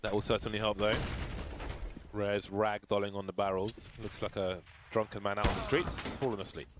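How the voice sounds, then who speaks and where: A man casting a competitive video game match play-by-play, quick and playful, rising to excited calls. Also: lowish voice. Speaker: play-by-play caster. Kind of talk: esports commentary. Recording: noisy broadcast with game sounds behind.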